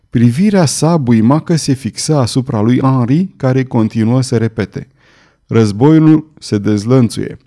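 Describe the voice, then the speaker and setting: Man, audiobook narration, expressive, theatrical, warm dark timbre. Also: mid-range voice.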